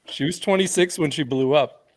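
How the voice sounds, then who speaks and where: A man co-hosting a casual podcast, low-key and laid-back. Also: moderate pace. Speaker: podcast co-host. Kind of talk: casual chat.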